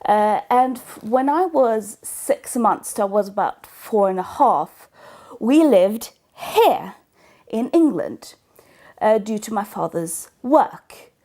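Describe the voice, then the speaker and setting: Speaking to camera in a casual vlog, a book blogger from Norway, native in Norwegian, pauses thoughtfully as she hunts for the right words. Her voice is mid-range and a little mellow.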